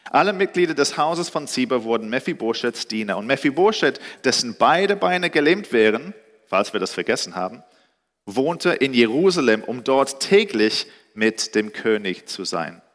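A man preaching a sermon, retelling a scripture story in an animated, storytelling way with shifting pace and pitch. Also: moderate pace. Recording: reverberant hall.

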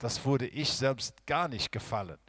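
Male preacher, slow emphatic sermon, dry close sound. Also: medium pitch, animated, fairly bright tone, no echo. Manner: earnest, slow, emphatic delivery with pauses.

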